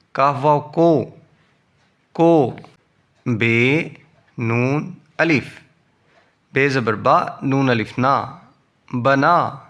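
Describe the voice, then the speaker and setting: Slow deliberate male phonics teacher. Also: medium pitch, a bit bright, clean tone. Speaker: Urdu teacher. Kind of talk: slow phonics reading lesson, spelling out letters.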